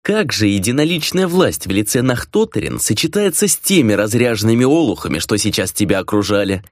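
A man's voice: fairly low pitch, very animated, fairly quick, dry recording, clean studio sound, voice pushed up. A man reading an audiobook voices an arrogant, scornful male vampire clan lord. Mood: mocking. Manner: scornful, domineering, shouting at times. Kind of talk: audiobook character voice.

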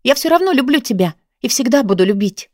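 Woman reading as a desperate lovesick girl, high pleading voice, dry audio. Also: lively intonation, quick pace, darkish tone, dry recording, lightly acted. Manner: emotional, pleading, raised voice.

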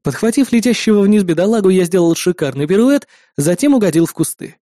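A male narrator reads an adventure story in first person and changes his voice for each character he quotes. His voice sits high for a man, with a soft, mellow tone. The recording is close and dry, with no room echo. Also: expressive, quick pace. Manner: shifts pitch and loudness to voice different characters. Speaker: audiobook narrator.

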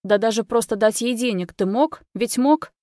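A woman's voice: mid-range voice, moderate pace, no room sound, studio quality, lightly acted. Woman voicing an enraged grown son. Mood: shouting angrily. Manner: heated, accusing, often shouting. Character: young man, agitated grown son.

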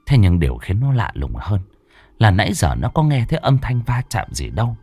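A man's voice: on the low side, huge pitch swings, brisk, darkish tone, breathy edge, no room sound. A man narrating a horror audiobook in a dramatic storytelling manner.

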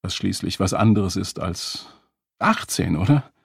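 A man's voice: deep voice, lively intonation, unhurried, creaky, breathy edge, no echo, clean studio sound, full character voice. A man voicing a smug, controlling man who lectures his date in a coldly reproachful way. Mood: lecturing.

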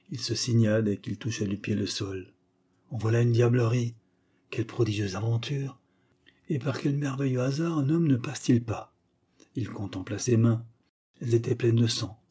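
A man reading a comic folk tale aloud, narrating and acting out the characters with lively shifts in voice. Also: husky. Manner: lively, raises pitch and volume for characters' shouts. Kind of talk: storybook reading with acted voices.

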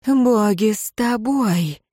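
A woman voicing a fervent middle-aged peasant mother with a shrill, wailing manner in a storybook reading. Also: slow pace, warm tone, no room sound, clean studio sound. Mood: fussing.

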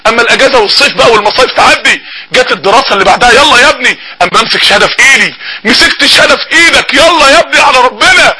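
A man's voice: extremely high pitch, expressive, very fast, bright, forceful tone, rough recording. A man with an Egyptian accent preaching an impassioned sermon, pleading and emotional, his voice at times close to tears.

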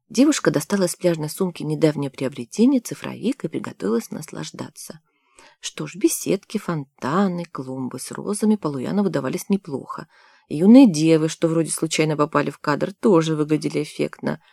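An audiobook narrator reading a novel in a steady storytelling manner on a close studio mic. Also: medium pitch, creaky, no echo. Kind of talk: scripted narration.

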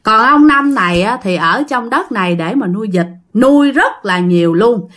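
A woman's voice: on the high side, lively intonation, moderate pace, a bit bright. Chatty Southern Vietnamese woman telling ghost stories. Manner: chatty, addresses listeners directly, many fillers. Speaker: storyteller. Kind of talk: casual spoken ghost story.

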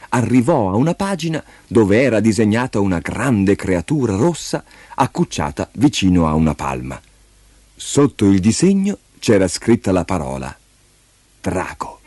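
A man narrating a fairy tale in an expressive, lively storytelling manner. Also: lowish voice, no room sound.

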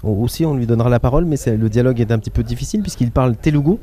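Outdoors in a public garden, a man hosting a travel show prompts his guest with questions during a relaxed conversational interview. His voice is medium-pitched and racing.

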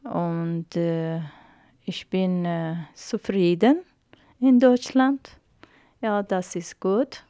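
Slow, halting woman in her fifties. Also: on the low side, fairly even intonation, warm tone, clear, resonant tone, no echo, studio quality. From Iran. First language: Arabic and Persian. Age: 50s. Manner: halting, hesitant learner's speech with many fillers. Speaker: interview guest. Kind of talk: radio interview.

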